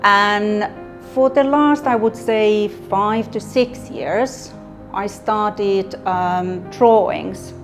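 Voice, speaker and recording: A middle-aged woman with a Finnish accent, an artist speaking slowly and thoughtfully in an interview, pausing often with fillers. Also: mid-range voice, music in the background. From Finland. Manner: slow, thoughtful, with many pauses and fillers. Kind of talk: interview monologue.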